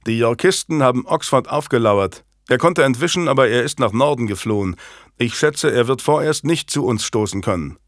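A man voicing a brisk, matter-of-fact military commander in a historical audiobook. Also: medium pitch, expressive, dry recording, studio quality, natural voice. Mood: urgent.

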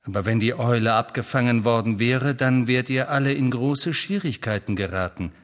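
A man reading an audiobook, voicing a rebellious grown wizard who speaks in a low, earnest, conspiratorial manner. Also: normal speed, long reverb tail, lightly acted.

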